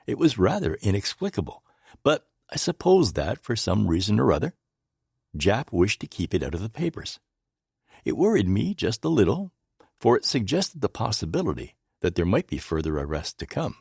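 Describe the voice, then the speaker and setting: Male narrator, first-person audiobook, husky, animated intonation. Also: no echo, clean studio sound. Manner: measured, storytelling, with wide pitch movement.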